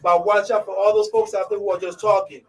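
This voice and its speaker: A man from Côte d'Ivoire hosting a live radio show, hyping listeners and filling every pause with "you know what I'm saying". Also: sits high, little pitch movement, distant mic, low-quality recording. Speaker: radio host.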